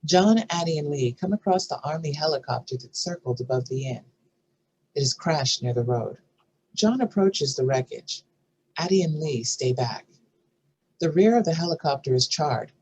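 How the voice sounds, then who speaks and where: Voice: medium pitch, expressive, moderate pace, darkish tone, slightly rough, poor audio. A narrator reading scene headings and stage directions from a screenplay in a scripted style. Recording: faint background noise and room ambience.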